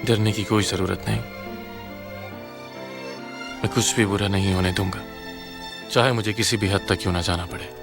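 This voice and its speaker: A man dubbing a young man in a TV drama who talks in a calm, earnest, reassuring way, with faint music underneath. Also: fairly low pitch, moderate pace, creaky, long pauses. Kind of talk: dubbed TV drama.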